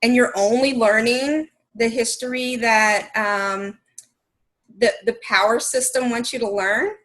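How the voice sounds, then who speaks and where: Thoughtful woman, slow and searching. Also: fairly high pitch, fairly even intonation, fairly bright tone, poor audio. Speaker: podcast co-host. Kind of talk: casual conversation.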